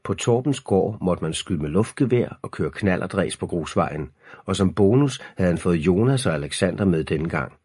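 A man reading an audiobook aloud in a measured, ominous storytelling manner. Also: low voice, animated, a little mellow, husky, dry recording, studio quality. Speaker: narrator. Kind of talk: scripted audiobook narration.

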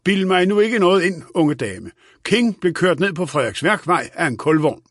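Guy doing a cranky forgetful old lawyer, high fussy voice, dry close sound. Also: sing-song, no echo. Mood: querulous. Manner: querulous, scolding, raised voice. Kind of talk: audiobook character voice.

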